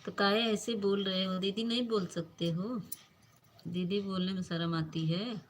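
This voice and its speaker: A woman's voice: medium pitch, steady tone, measured pace, a little hiss or hum. A woman hosting a casual phone live stream, greeting viewers by name and teasingly scolding them. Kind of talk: casual live-stream chat reading comments.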